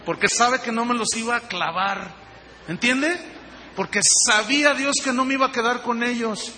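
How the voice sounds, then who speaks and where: Man, pastor, lively sermon storytelling, faint background noise. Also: extremely high pitch, normal speed. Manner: animated storytelling, acting out dialogue. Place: church hall. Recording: reverberant hall with faint noise.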